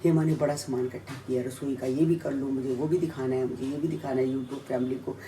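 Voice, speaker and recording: A woman's voice: rumbling low, steady tone, fairly quick, mellow, slight background noise. Chatty middle-aged woman cooking at home. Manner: chatty, rambling, addresses viewers directly. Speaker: family vlogger and mother. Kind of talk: casual cooking vlog chat. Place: home kitchen.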